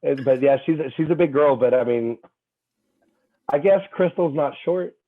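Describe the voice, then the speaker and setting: Lively young man on a tinny call. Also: a little high, moderate pace. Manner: animated storyteller, many fillers and restarts. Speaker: guest, fitness trainer. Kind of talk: casual chat. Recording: tinny phone-like call audio.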